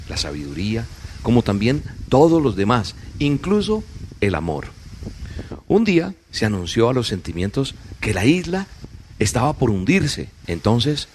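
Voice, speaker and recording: A man's voice: fairly low pitch, a little mellow, slight background noise. A man telling a fable and then preaching earnestly on a daily devotional program. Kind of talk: sermon with told fable.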